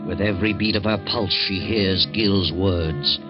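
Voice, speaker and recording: A man narrating a radio drama in a measured, suspenseful way. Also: low-pitched, muffled recording. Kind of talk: scripted narration. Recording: scratchy 1940s radio recording with music.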